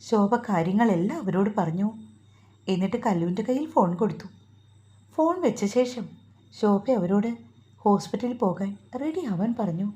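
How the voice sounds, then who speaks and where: Woman storyteller, calm steady narration, mellow voice. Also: medium pitch, normal speed, long pauses.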